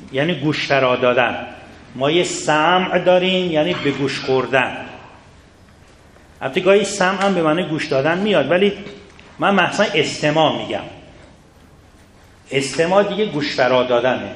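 Earnest male teacher in an echoey room. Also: fairly high pitch. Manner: earnest, rhetorical questions, addresses listeners directly. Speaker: seminary teacher. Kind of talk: religious lecture to students. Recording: echoey room, faint background noise.

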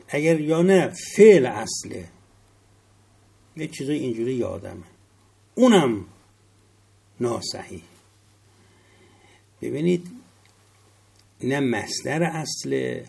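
A middle-aged man giving a classroom lecture on word roots, slowly spelling out letters and rising to stress key points. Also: medium pitch, creaky, darkish tone, breathy edge. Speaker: religious studies teacher.

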